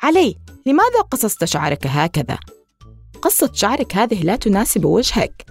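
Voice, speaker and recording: Woman reading a caring mother, low and lively, in a storybook. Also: a little fast, gravelly, husky, soft background music, heavily acted. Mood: puzzled. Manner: puzzled, concerned.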